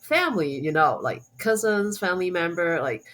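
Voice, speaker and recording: Over poor audio, a homeschooling mom and blogger from Hong Kong joins a podcast interview as a guest, her voice on the low side, a bit bright, with lively intonation at normal speed. A native Cantonese speaker, she talks in English as a second language with a Hong Kong accent, full of fillers and restarts.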